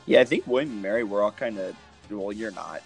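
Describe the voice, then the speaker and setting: A man's voice: lowish voice, fairly quick, gravelly. Chatty guy on a sports podcast, goes off on tangents, faint music under it. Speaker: podcast co-host. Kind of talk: casual sports podcast chat. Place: lives in Hoboken, New Jersey.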